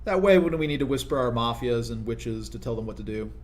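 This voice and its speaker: A man's voice: mid-range voice, lively intonation, a little fast. Man explaining strategy over gameplay. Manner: conversational, explanatory, frequent "right?" tag questions. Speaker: gaming video commentator. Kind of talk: casual gameplay commentary.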